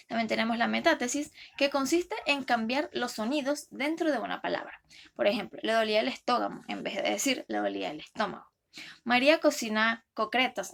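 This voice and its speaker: Young woman student reading, slightly gravelly. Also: fairly high pitch. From Venezuela. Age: young adult. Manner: steady, careful reading. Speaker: university student. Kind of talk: reading a class presentation.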